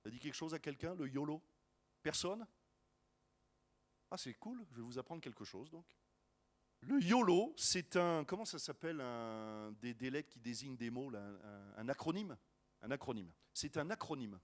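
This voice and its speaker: A man preaching a sermon as a pastor, lively and joking, with many restarts and asides to the congregation. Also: medium pitch, moderate pace.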